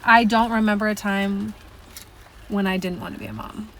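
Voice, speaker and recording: A woman chatting casually about being a mother, animated, laughing often as she tells stories. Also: medium pitch, normal speed, a little hiss or hum. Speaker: mother and co-host. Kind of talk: casual chat.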